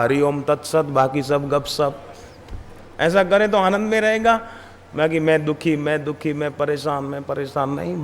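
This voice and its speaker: A man's voice: a little high, a little hiss or hum. Preacher man in an echoing hall. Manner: slow, emphatic, with rhetorical questions and stories. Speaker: spiritual preacher. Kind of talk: devotional sermon.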